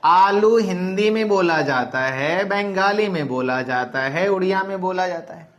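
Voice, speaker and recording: A male teacher explaining biology to his students, his voice sitting a bit high. He often repeats himself, poses questions and answers them right away, and drops English technical terms into Hindi sentences. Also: lively intonation, a little slow, muffled recording. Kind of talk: classroom lecture.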